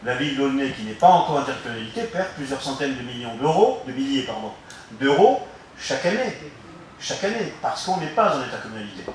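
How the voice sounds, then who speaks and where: In a very echoey room, a man is recorded from a distance with faint noise around him. Sounding like a local politician, he gives an unscripted explanation to listeners in a mid-range voice with lively intonation. He is didactic and emphatic, halting as he searches for words and posing rhetorical questions.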